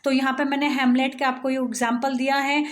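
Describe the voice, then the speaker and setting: A woman teaching English poetic meter to students, often checking whether they follow and reading lines slowly with marked stresses. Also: high voice, flat delivery. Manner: asks frequent check-in questions. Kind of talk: explaining English poetry to students.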